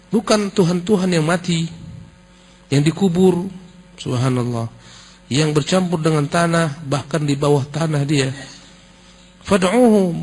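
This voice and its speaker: A middle-aged male preacher delivers a sermon on a religious book. His husky, fairly high voice swings between hushed asides and emphatic exclamations. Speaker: Islamic preacher.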